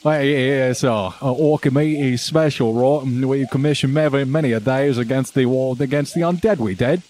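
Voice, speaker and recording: A man voicing a friendly fort guard who rambles in a halting way and keeps saying "hey" and "uh.". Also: mid-range voice, darkish tone, pitched above the performer's own voice, natural voice. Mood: folksy, eager. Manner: chatty and halting, full of "hey" and "uh".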